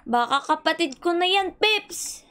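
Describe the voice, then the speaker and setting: A woman's voice: very high voice, measured pace. A woman, cheerfully commenting while playing a game with friends. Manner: excitable, cheery, giggly. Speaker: gaming channel host.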